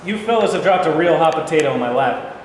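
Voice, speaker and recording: Man reading as high-voiced, weary President Truman, echoey hall. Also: lively intonation, fast, lightly acted. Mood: resolute, burdened. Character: President Truman, weary, troubled, plain-spoken middle-aged husband. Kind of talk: staged play reading. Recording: very echoey hall, noisy room recording.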